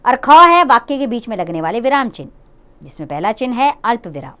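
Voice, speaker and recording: A woman's voice: on the high side, big pitch swings, brisk, pushed and bright, smooth. A woman with a Hindi accent teaching a grammar lesson to children, friendly and explanatory, speaking to them directly.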